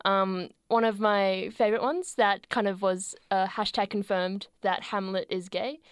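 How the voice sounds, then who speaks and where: A young Australian woman co-hosting a radio show in a studio, chatting casually with a playful, sarcastic humour and quick laughs. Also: medium pitch, fairly even intonation, clear, resonant tone, dry recording. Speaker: radio co-host.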